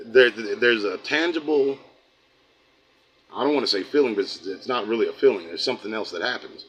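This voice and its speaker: A middle-aged American man hosting a live stream, talking to his viewers in a loose, folksy, rambling way. He keeps sliding into preaching, and his voice sits at an ordinary middle pitch for a man. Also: slight background noise, low-quality recording. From United States. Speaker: host of a livestream channel. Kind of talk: casual livestream talk, reading chat.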